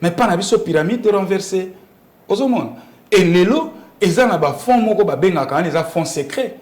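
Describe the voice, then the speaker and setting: In an echoey room, a man with a Congolese accent speaks in a high voice with lively intonation, a darkish tone, and moderate pace. He's commenting on politics in an animated interview, emphatic and fond of rhetorical questions.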